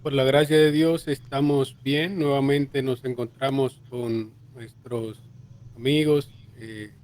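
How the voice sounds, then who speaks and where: A man speaks as a pastor on the radio in a thoughtful, measured way. He talks slowly, and his voice sits in a middle range. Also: mid-range voice, fairly even intonation, a little mellow. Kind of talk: casual radio chat.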